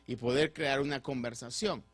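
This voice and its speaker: A man preaching a sermon as pastor, swinging between loud and soft and putting rhetorical questions to the congregation. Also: mid-range voice, steady tone, moderate pace, faint music behind.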